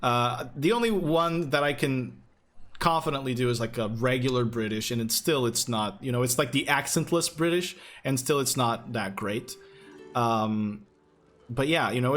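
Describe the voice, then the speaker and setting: A young man with a medium-pitched, slightly bright voice and lively intonation hosts a livestream as game master at a moderate pace. Reading chat questions over faint music, he chats loosely, rambling with many fillers and restarts.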